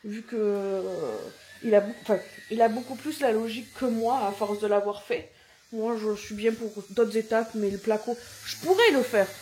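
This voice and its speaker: A woman's voice: fairly high pitch, moderate pace, a little mellow, slight background noise. A woman hosting a renovation vlog, narrating in a chatty, enthusiastic voice-over. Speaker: vlog host.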